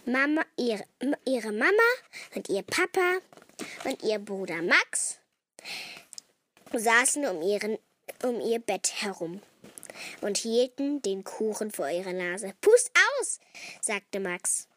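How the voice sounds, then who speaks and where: A woman telling a children's story slowly, stumbling and restarting words now and then. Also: medium pitch, expressive, sharp tone. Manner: slow, with frequent restarts and self-corrections.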